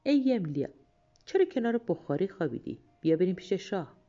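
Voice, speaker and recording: A woman's voice: fairly low pitch, sing-song, mellow, dull audio. A woman voicing a king's general who coaxes and wheedles, in a storybook reading. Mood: coaxing. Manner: wheedling, persuasive. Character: coaxing royal general, grown man.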